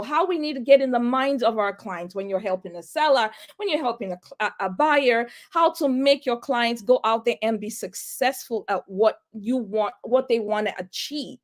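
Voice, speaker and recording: Agent telling her story in an interview, a woman with a slightly high voice who acts out every exchange. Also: moderate pace, few pauses. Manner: animated, acts out quoted dialogue. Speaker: real estate agent.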